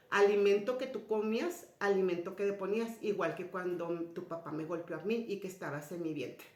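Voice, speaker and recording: Soft-spoken woman in an echoey room. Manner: retells dialogue, often dropping to a soft low voice. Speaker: speaker sharing a personal story. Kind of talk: spiritual personal testimony to an audience. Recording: roomy echoey sound.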